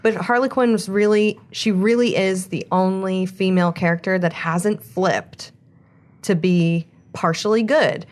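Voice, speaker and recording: A woman who is a guest on a podcast, chatting casually, thoughtful and explaining at length with pauses. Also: mid-range voice, fairly even intonation. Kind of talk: casual chat.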